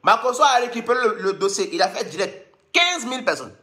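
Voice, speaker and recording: Animated, mocking Cameroonian man. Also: quick pace. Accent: Cameroonian French. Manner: animated, mocking, scolding, with sudden squeaky jumps. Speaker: online commentator. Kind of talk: comedic rant to camera.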